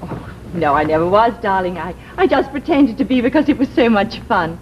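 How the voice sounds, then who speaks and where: A woman's voice: mid-range voice, animated, brisk, lightly acted. An actress playing a flippant, teasing young woman with an airy, arch, theatrical manner in 1950s television drama style. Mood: airy, evasive. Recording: dull, noisy 1950s TV soundtrack.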